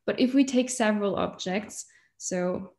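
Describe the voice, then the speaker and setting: A young woman from Switzerland gives an online lecture in an even, mid-pitched voice. She is a doctoral researcher speaking from a museum collection room, and she holds up specimens as she explains. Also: measured pace. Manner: explains while holding up specimens. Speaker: PhD researcher.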